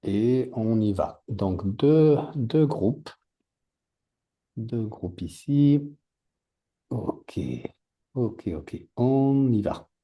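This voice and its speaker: A man's voice: mid-range voice, expressive, extremely slow, long pauses, muffled recording. A man teaching a language class, patiently repeating words and adding English glosses for his students. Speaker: French teacher.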